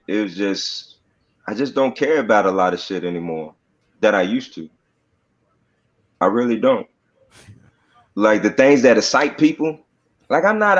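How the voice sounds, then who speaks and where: A man's voice: on the low side, big pitch swings, normal speed, pauses often, dull audio. A man guesting on a podcast, talking in a laid-back, profane way with lots of fillers. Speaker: rapper guest. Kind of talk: casual podcast interview.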